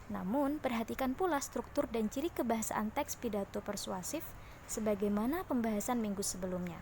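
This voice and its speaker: Woman teacher, slightly high voice, lesson delivery to a class, faint room noise. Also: fairly quick, darkish tone. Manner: explains step by step, ends points with "seperti itu".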